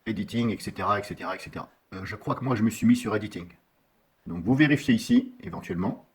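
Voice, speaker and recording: Casting note: man, lowish husky voice, chatty screen-capture tutorial, loose and self-correcting. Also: quick pace. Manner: rambling, corrects himself often, many fillers. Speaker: software tutorial maker. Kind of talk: casual screen-recorded software tutorial.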